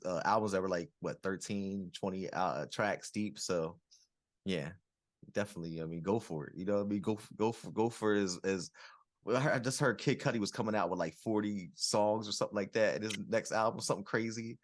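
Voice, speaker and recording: A man's voice: on the low side, brisk, no room sound, clean studio sound. A young man in his twenties hosting a podcast, asking questions in a rambling casual way. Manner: rambling, many fillers and restarts. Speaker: podcast host. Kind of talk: casual interview.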